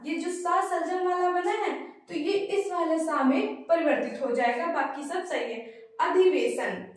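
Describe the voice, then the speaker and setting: A woman teacher giving a spelling lesson for exam students, explaining step by step and repeating each word slowly. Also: high voice. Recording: very echoey room, voice far from mic.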